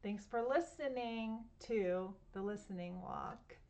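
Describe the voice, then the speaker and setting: A woman's voice: medium pitch, slow, creaky. Woman reading a picture book to kids. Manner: gentle, asks the listening children questions. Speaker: children's story reader. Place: at home.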